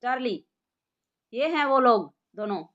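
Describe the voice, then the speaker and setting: A woman's voice: fairly high pitch, animated, measured pace, a bit bright. Woman playing a stern bossy policewoman. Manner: bossy, scolding, interrogating. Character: stern tough young policewoman. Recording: lo-fi muffled recording.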